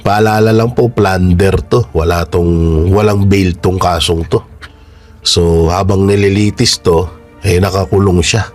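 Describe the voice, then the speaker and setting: A man with a stuffy, blocked-nose voice gives informal, halting political commentary to his followers, often asking rhetorical questions. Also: sits low, fairly even intonation, faint music behind. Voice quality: congested, stuffy-nosed voice. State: nasal congestion.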